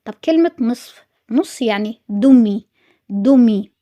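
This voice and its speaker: A woman teacher with an Egyptian Arabic accent explaining a French lesson, often asking her own questions and then repeating key words slowly to answer them. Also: on the high side, darkish tone.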